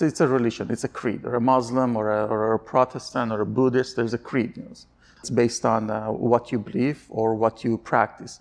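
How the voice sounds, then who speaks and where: A man's voice: medium pitch, vocal fry. A man from Iran, giving candid interview answers in an earnest, searching way, often restarting his sentences.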